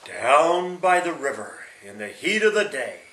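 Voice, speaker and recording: An older man reads a picture book aloud to a small child, slow and unhurried. His voice is bright and bounces up and down as he makes the animal noises. The room around him is echoey. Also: on the high side. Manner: slow, lively storybook reading with animal sounds. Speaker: great-grandfather reading aloud.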